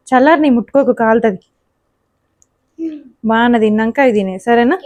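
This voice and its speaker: Fast-talking woman hosting a family vlog. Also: mid-range voice, no room sound. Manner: chatty, leans heavily on filler words; coaxing and soothing with her child. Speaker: mother and vlog host. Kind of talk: casual family vlog chat. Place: home, indoors.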